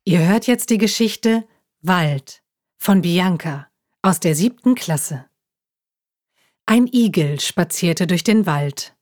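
Brief: woman narrator, clear and expressive, reading a story for young kids. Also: on the low side, slow, long pauses, no room sound, studio quality. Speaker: children's podcast narrator. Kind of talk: storytelling for children.

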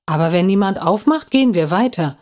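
A woman voicing a cautious, quiet young boy squirrel in a children's story. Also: fairly low pitch, animated, slow. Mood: reluctant. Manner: reluctant, sighing.

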